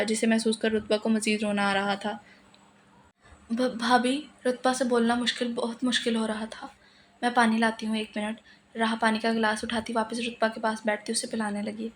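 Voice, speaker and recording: A woman's voice: on the high side, flat delivery, a little fast, hardly any pauses, a bit bright, a little hiss or hum. Woman reading a novel aloud, level tone. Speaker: novel reader. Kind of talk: dramatic novel reading with acted dialogue.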